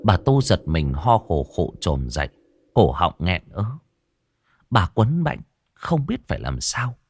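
A man's voice: sits low, big pitch swings, a little slow, breathy edge. A man narrating a scripted ghost story in a dramatic, suspenseful way.

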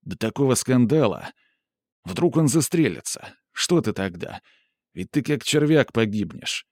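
A man's voice: mid-range voice, animated, unhurried, a little mellow, no room sound, studio quality. A man voicing a stern, domineering young man who scolds and commands harshly.

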